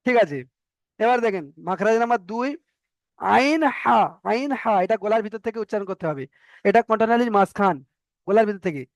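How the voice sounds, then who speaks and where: A man with a Bengali accent teaching Arabic letter sounds in an online lesson, repeating each sound slowly for learners to practise. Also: sits high, no echo. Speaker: Quran recitation teacher.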